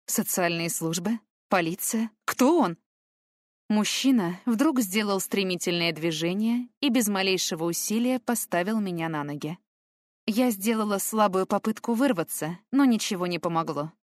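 A woman's voice: medium pitch, animated, normal speed, no echo, clean studio sound. A woman reading an audiobook in first person, with tense, emotional storytelling. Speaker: audiobook narrator.

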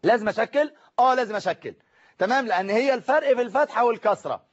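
High-voiced Egyptian Arabic teacher drilling students. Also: male voice, expressive, dull audio. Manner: asks and answers his own questions, drills the class to repeat forms; slows right down to spell out word patterns. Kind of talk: exam-prep grammar lesson.

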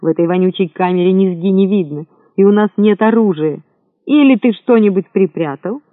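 A man's voice: sits high, a little fast, dry recording, lightly acted. A man putting on an insolent young rogue. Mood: mocking. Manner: mocking, boastful. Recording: thin phone-like sound, dry.

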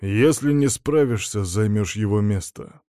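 A man voicing a cold, menacing emissary of chaos who speaks slowly and commands. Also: on the low side, dark tone, no room sound, studio quality, natural voice. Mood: commanding.

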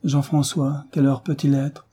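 A man's voice: mid-range voice, flat delivery, normal speed, mellow, slightly rough, voice pushed up, lightly acted. A man reading the part of a frightened young mother, speaking with anxious urgency.

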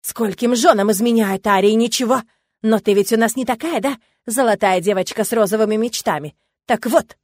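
A woman reading an audiobook, voicing a domineering noble husband with calm menace that turns to hissing rage. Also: medium pitch, brisk, no room sound, clean studio sound, close to an everyday voice. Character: cold, domineering noble husband, adult man.

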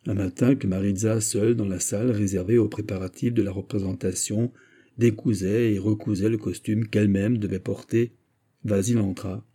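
Husky, dark-voiced male audiobook narrator. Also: fairly low pitch. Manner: measured, steady literary reading. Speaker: audiobook reader. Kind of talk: scripted narration of a literary story.

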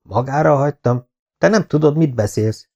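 A man's voice: on the high side, gravelly, darkish tone, voice pushed up. A man voicing a scheming, bitter Saxon lord who talks in a sneering, defiant way, in an audiobook.

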